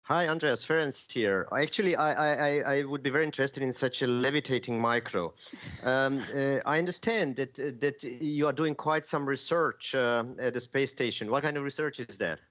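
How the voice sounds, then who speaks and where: A man asking informal questions at a live event, with halting, hesitant phrasing. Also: mid-range voice, fairly bright tone, dull audio.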